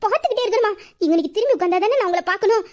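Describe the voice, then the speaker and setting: In a Tamil audio drama, a woman plays a feisty young female office worker with a high voice. She sounds animated and irritated, her delivery quick, sharp, and exasperated.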